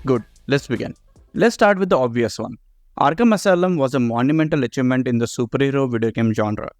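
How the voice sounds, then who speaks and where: A man's voice: mid-range voice, expressive, quick pace, darkish tone, no room sound, studio quality, faint music behind. A man narrating a scripted video game commentary in a sarcastic, profane way.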